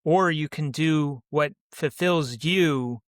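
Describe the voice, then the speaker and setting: A man co-hosting a casual chat, talking in halting bursts with frequent restarts. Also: fairly high pitch, no echo, studio quality. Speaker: co-host.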